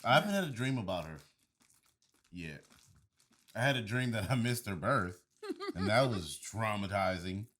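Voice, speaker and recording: A man's voice: on the low side, lively intonation, moderate pace, pauses often, fairly bright tone. A young man co-hosting a casual podcast, playful and teasing, chuckling often. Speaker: podcast co-host. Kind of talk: casual chat.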